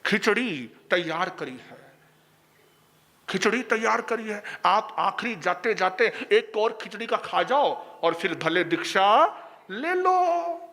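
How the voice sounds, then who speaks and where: A man voicing a patient wife who politely coaxes her husband with soft requests. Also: high voice, sing-song, slow, in a large hall, exaggerated voice. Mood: coaxing.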